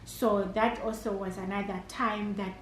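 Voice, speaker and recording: Answering interview questions, a Zimbabwean woman in her thirties who works as a chef and entrepreneur hesitates often, filling pauses and restarting sentences. She speaks a little slowly at a medium pitch with fairly even intonation, and the room echoes.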